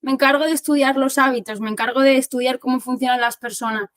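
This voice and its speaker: A Spanish woman from Spain, an occupational therapist, gives an informal talk to families, animated and explanatory as she acts out quotes. Her voice is high and fast, with no room sound.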